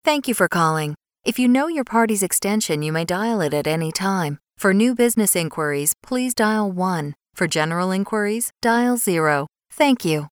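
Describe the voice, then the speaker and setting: A woman's voice: mid-range voice, animated, normal speed, hardly any pauses, clean tone, dry recording, studio quality. Polished woman's phone-menu voice. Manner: courteous recorded prompts. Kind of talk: automated phone greetings.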